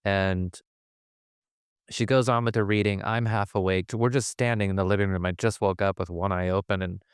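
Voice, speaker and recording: A man's voice: sits low, steady tone, normal speed, clean tone, dry recording, studio quality. A man who is a spiritual teacher, telling a personal story in a rambling way, often breaking off his sentences and laughing.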